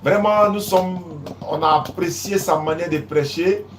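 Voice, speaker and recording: The recording has a roomy sound with background noise, carrying a high-pitched, slightly slow male voice. He runs a live religious call-in in a casual, repetitive way, calling "Allô?" to silent callers and saying "Inch'Allah" over and over.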